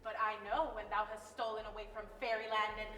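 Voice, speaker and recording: A woman's voice: very high-pitched, normal speed, sharp tone. A woman playing a proud, jealous fairy queen in hammy, declamatory Shakespearean stage acting. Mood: scornful, jealous. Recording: noisy echoing hall, live stage performance.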